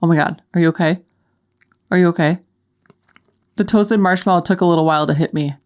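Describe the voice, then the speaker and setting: A woman's voice: fairly low pitch, a little fast, a little mellow. A woman podcast co-host chatting casually and exclaiming in repeated words, grossed out as she eats and smells nasty jelly beans. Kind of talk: casual chat during a food dare.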